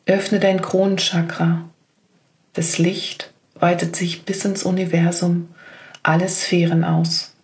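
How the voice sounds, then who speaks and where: Slow, flat-voiced woman guiding meditation. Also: on the low side. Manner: slow, gentle spoken instructions. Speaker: meditation guide. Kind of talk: guided meditation.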